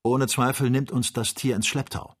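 A man voicing a calm, learned male doctor leading an expedition, speaking in a reassuring way in an audiobook. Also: mid-range voice, moderate pace, husky, pitched above the performer's own voice, natural voice. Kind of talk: audiobook character voice.

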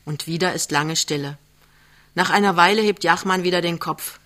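Man, audiobook narrator, calm even scripted reading, fairly high voice, bright. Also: moderate pace. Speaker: audiobook reader.

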